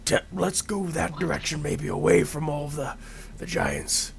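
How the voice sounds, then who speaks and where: A man's voice: fairly high pitch, sing-song, normal speed, creaky, a loud crowd. A man playing a tabletop game, chatting casually in a hesitant, joking way. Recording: faint background noise.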